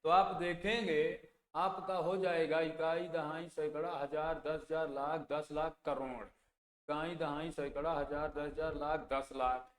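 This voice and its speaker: A man's voice: fairly high pitch, flat delivery, a little slow. A male math teacher, teaching an exam-prep lesson and repeating place values as he asks and answers his own questions. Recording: echoey room with long reverb, faint background noise.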